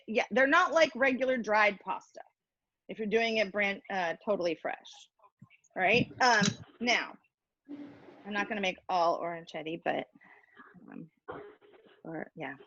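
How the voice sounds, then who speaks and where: A slightly high, somewhat bright female cooking instructor keeps things casual and playful, teasing herself while she explains each step. The recording is echo-free but has its highs cut off.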